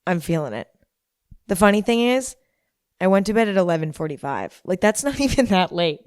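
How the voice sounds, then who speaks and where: A woman's voice: medium pitch, lively intonation, fairly quick, darkish tone, clean tone, no echo, studio quality. A hungover young adult woman hosting a podcast as a casual, rambling monologue, repeating herself for emphasis. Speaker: podcast host.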